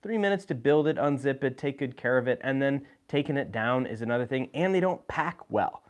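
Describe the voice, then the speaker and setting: Man, casual live gear chat, rambling, fillers and restarts, mid-pitched. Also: expressive, brisk. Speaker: host. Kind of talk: live video gear talk. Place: indoor room with lights.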